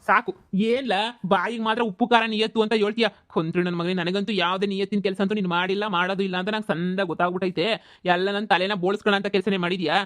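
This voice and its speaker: A man's voice: sits high, steady tone, fast talker, no room sound, studio quality. A man voicing a furious village landlord. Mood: angry, threatening. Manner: shouting insults and threats. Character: angry middle-aged village landlord husband, bullying and foul-mouthed. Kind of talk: comedy cartoon voice acting.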